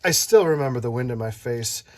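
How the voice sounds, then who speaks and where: A read-aloud storyteller with a mid-range voice moves briskly through a children's picture book, playful and animated, pausing to chat with the child who is listening.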